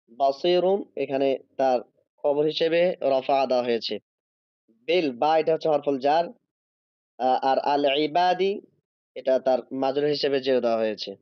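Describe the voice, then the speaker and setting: In an online Arabic grammar class, a man with a smooth, medium-pitched voice explains things step by step, stretching out each Arabic word as he reads it and checking that students are following. The recording is dry and the audio sounds dull.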